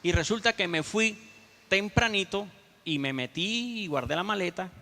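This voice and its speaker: A male pastor preaching a story-driven sermon straight to his congregation. His voice sits high and comes across bright and forceful. The sound rings with a long hall reverb. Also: lively intonation, normal speed. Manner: storytelling, addresses the congregation as brothers.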